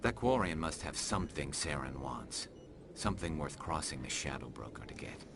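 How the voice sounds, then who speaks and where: A man's voice: a bass voice, animated, moderate pace, noisy background. A man voicing a confident, determined alien police investigator in a video game.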